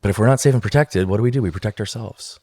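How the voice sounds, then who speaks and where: A man with a very low, deep voice talks as a podcast guest. He tells his story with emphasis and keeps checking in with his listeners. The recording is dry and close, with no room sound. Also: rapid-fire, a little mellow, no room sound. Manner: emphatic, tags points with "right?". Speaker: guest speaker. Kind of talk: podcast interview, personal storytelling.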